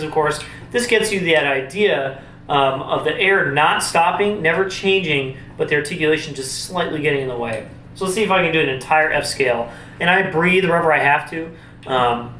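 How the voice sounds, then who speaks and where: This brass instructor's voice runs on the high side, a little fast, with a pushed, bright quality. Speaking casually to camera, he explains warmups and thinks aloud as he teaches. There's faint noise on the distant, roomy recording.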